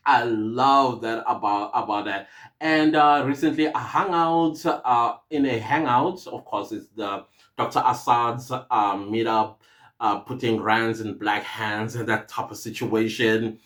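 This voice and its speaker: South African male podcast host with a mid-range voice, earnest and rambling, full of hesitations. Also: mid-range voice. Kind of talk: casual podcast monologue.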